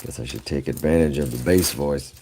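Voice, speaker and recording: Talking a little fast in a bass voice made lower than usual by allergies, this middle-aged livestream host rambles casually with his viewers and laughs often. The background is noisy.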